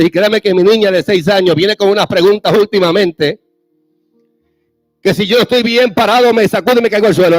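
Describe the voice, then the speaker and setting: High-voiced preacher man. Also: no room sound. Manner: speaks straight to the fathers in the audience with rhetorical questions. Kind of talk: sermon.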